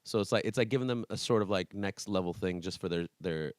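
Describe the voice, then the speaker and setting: A man's voice: deep voice, fast, no echo, studio quality. A young man co-hosting a podcast, chatting casually and rambling with many restarts and quoted asides. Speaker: podcast co-host. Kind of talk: casual chat.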